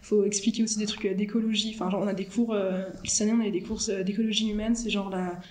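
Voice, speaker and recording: A woman in her twenties from France, a student chatting casually as an interview guest over a video call, full of fillers and quick to laugh. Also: mid-range voice, level tone, darkish tone, reverberant. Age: 20s.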